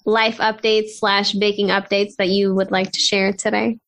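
A woman's voice: medium pitch, little pitch movement, normal speed, fairly bright tone. Chatty, upbeat woman podcast co-host. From Southern California. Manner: chatty, upbeat, laughs often, scattered fillers. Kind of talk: casual chat.

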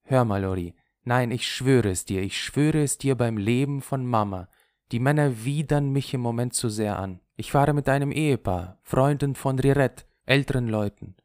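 A male reader voicing a restless, tearful young woman in an audiobook, raising his voice and pitch for her. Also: moderate pace, a little mellow, dry recording, studio quality, lightly acted. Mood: pleading. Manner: raised, emotional voice for a female character. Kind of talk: audiobook character voice.

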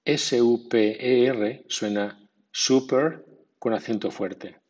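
A man narrating a scripted pronunciation lesson, slowly spelling out prefixes and reading example words. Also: medium pitch, darkish tone, muffled recording. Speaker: English pronunciation teacher.

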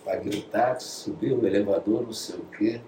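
A man's voice: on the low side, fairly quick. A Brazilian man telling studio anecdotes in a casual interview, acting out quotes and dropping to whispers. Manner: animated storyteller, acts out quotes, drops to whispers. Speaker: guest. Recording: echoey room, distant mic, faint noise.

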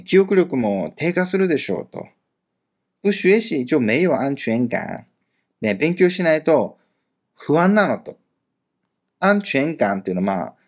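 A man teaching a language lesson, with a voice that rises and falls a lot. He reads each example sentence slowly, then explains it in a relaxed, conversational way. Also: medium pitch. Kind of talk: casual grammar explanation.

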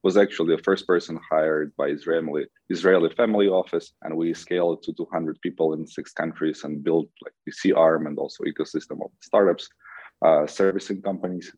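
A man's voice: low voice, fairly even intonation, quick pace, darkish tone, no room sound, rough recording. A man in his thirties from Ukraine, with a Ukrainian accent, talking about his career as a podcast guest, rambling with many fillers and restarts. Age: 30s. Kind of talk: podcast interview.

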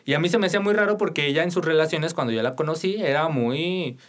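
A man's voice: on the high side, quick pace. A young man with a Mexican accent, co-hosting a casual podcast chat and telling a rambling story full of fillers. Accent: Mexican Spanish. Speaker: radio podcast co-host.

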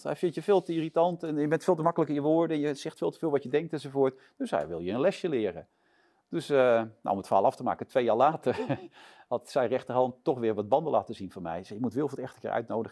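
A man being interviewed, telling a long anecdote in a lively way and acting out the shouts and lines of the people in it. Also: medium pitch. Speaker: interview guest, sports presenter.

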